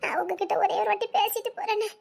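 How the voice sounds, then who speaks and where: A woman's voice: very high-pitched, steady tone, fast talker, gravelly, darkish tone. Woman playing a heartbroken, lovesick girl with a Tirunelveli accent. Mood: pleading, hurt. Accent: Tirunelveli Tamil. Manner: tearful, pleading, with nervous laughs. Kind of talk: romantic short-drama acting.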